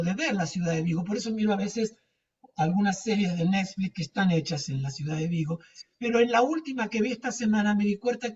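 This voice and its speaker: A man's voice: sits high, breathy edge, far from the mic, muffled recording. Rambling man. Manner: rambling, searches for words, anecdotal. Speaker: lecturer. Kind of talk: casual chat with a group.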